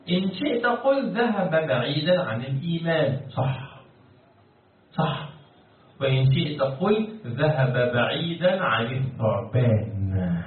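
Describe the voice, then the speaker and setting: A man's voice: mid-range voice, recorded from a distance. Man teaching from afar in an echoey room, phone-like sound. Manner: repetitive, asks questions and answers them himself. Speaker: sheikh teaching Quran commentary. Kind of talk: classroom explanation with questions to students.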